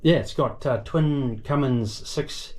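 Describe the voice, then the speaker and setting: A man giving a casual, unscripted walkthrough of a boat's engine room, halting a little as he thinks aloud and points things out. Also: medium pitch. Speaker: boat owner giving a tour. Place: small boat engine room.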